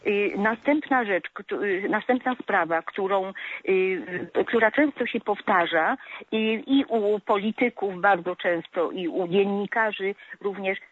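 A woman's voice: medium pitch, unhurried, slightly rough, dry recording. A woman calling in to a radio show, lecturing on correct speech with many hesitant filler sounds. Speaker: radio caller. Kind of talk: call-in talk about correct speech. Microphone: telephone. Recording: tinny phone line.

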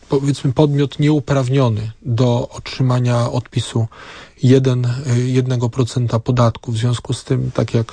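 A man giving a formal expert explanation on radio, halting as he searches for words. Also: mid-range voice, creaky, dark tone, slightly rough, no echo. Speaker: studio expert on tax rules.

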